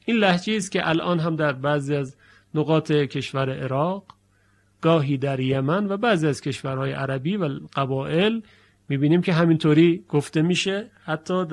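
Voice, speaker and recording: A man teaching the rules of Quran recitation, explaining patiently and slowly reciting example phrases to show their pronunciation. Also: a little high. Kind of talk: spoken lesson.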